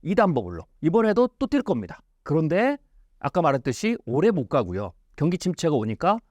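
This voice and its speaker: A man's voice: on the high side, wildly swooping pitch, brisk, a little mellow, no echo. A man as an interview guest, explaining in an emphatic way with rhetorical questions. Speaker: futurist guest.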